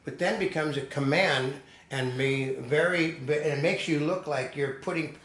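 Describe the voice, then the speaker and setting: A man's voice: fairly high pitch, measured pace, fairly bright tone. An older man co-hosting a casual discussion, telling digressive stories and stating firm opinions. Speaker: co-host. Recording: echoey room with faint noise.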